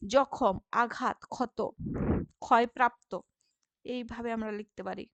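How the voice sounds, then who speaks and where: High-voiced woman teaching a lesson. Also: steady tone, no echo. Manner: patient, checks understanding with frequent "okay?"; sounds out syllables slowly, repeating words. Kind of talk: classroom lesson explaining textbook answers.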